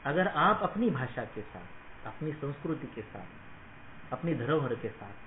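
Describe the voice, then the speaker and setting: A man's voice: mid-range voice, sing-song, measured pace. A man giving a motivational lecture to students, emphatic and rhetorical, checking for assent and mixing Hindi with English phrases. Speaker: Ayurveda teacher. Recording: echoey room, tinny phone-like sound, faint noise.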